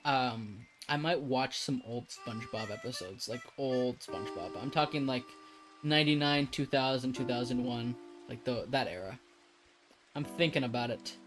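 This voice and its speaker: A man's voice: mid-range voice, moderate pace, music in the background. A man in his thirties chatting casually on a live stream, rambling and laid-back with lots of fillers.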